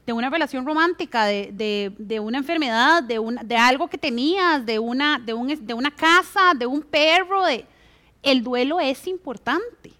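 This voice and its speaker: A young woman speaks in casual conversation. Her voice sits high, and she talks in an animated way, slipping into the voices of people she quotes. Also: moderate pace. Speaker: guest.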